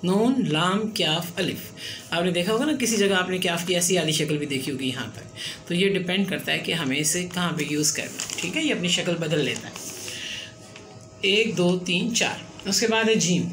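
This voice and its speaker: A woman's voice: fairly low pitch, moderate pace, a bit bright, soft background music. A woman explaining a children's writing lesson step by step, counting letters aloud and checking in often. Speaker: teacher.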